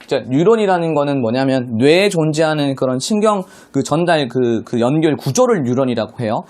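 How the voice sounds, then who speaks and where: Brief: male English teacher, fairly high voice, online lecture, asks questions as he explains. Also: a little mellow.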